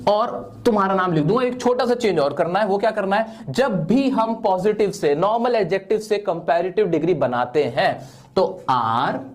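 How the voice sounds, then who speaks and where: A man's voice: high-pitched, darkish tone. A man teaching English grammar in an online lesson. He asks questions and answers them himself, repeats key points and slips English words into his explanations.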